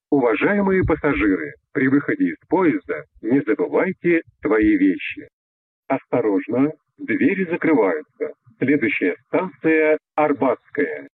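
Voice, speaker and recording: A man making formal, measured metro announcements over the train intercom. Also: fairly high pitch, husky, no echo. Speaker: transit announcer. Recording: tinny lo-fi train loudspeaker.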